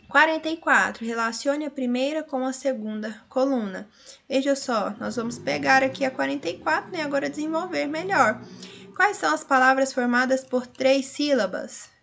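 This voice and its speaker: A woman's voice: sits high, creaky, a bit bright. A woman teacher giving a recorded revision lesson, explaining step by step and often checking understanding with little tag questions.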